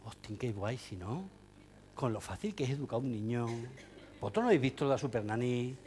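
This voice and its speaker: A man's voice: mid-range voice, sing-song, brisk, a little mellow, slight background noise. Wry man joking through a talk. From Spain. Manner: ironic, joking, with many asides and fillers. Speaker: speaker giving a talk to teachers. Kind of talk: humorous lecture to an audience.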